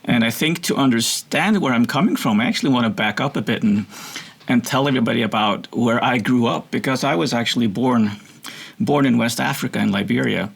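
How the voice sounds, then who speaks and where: A man's voice: mid-range voice, a little fast, gravelly, husky. A Swedish man with a somewhat American accent, a guest in an interview, telling his story in an earnest, reflective way. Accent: American-sounding, from international schools. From Sweden. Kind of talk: conversational interview.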